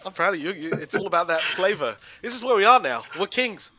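A man co-hosting a podcast in casual chat, animated and profane, often slipping into mock voices for comic bits. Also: high-pitched, fast talker, crowd noise. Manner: animated, swears freely, slips into mock voices. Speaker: podcast co-host.

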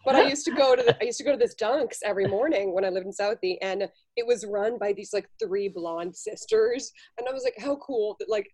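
A woman's voice: medium pitch, a little fast, hardly any pauses, darkish tone, husky. A woman chatting animatedly as a podcast guest, laughing often and slipping into playful voices. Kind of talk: casual podcast chat.

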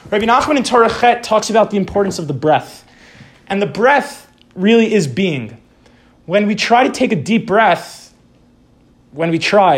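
A teacher leading a Torah study group, a man with a notably high voice, gives an informal spiritual lesson to a small group. His delivery is reflective and unhurried, and he pauses to recite Hebrew quotations before explaining them.

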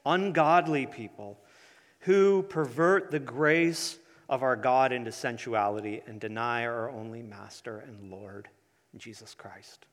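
A man preaching a teaching sermon, deliberate in delivery, repeating key phrases for the congregation. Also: medium pitch, fairly bright tone. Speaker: pastor preaching. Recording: long hall reverb.

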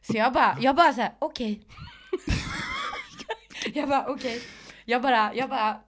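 A woman's voice: fairly high pitch, slight background noise. Laughing woman with a Gothenburg accent. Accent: Gothenburg Swedish. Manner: animated storytelling, laughs often. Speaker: podcast co-host. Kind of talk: casual chat.

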